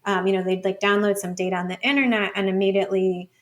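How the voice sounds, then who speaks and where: A woman who is a data scholar and teacher explains things informally as an interview guest, thinking aloud with plenty of "like" and "you know." Her medium-pitched voice keeps fairly even intonation at a quick pace.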